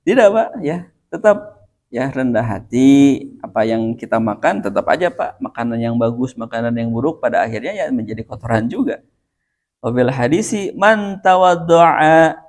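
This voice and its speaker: A middle-aged man with a Sundanese accent preaches in a relaxed, conversational way. He recites Arabic phrases slowly, then explains them with light chuckles. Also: medium pitch. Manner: mixes Arabic recitation with Indonesian, chuckles often. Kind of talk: sermon.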